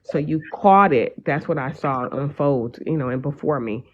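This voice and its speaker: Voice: mid-range voice, moderate pace, slight background noise. A guest on a live stream talking earnestly and at length. The sentences wander and fill up with "you know" and "um". The audio sounds dull and lo-fi. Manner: earnest, meandering, frequent fillers. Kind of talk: casual conversation.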